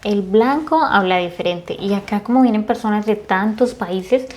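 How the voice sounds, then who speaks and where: A woman's voice: mid-range voice, normal speed. A woman from Colombia with a Colombian accent, hosting a conversational interview, chatty, echoing her guest and asking follow-up questions. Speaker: host.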